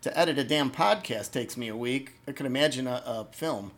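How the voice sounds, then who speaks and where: A man's voice: mid-range voice, moderate pace, fairly bright tone. A man hosting a podcast, talking loosely and casually with the occasional swear word. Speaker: podcast host. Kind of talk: casual interview chat.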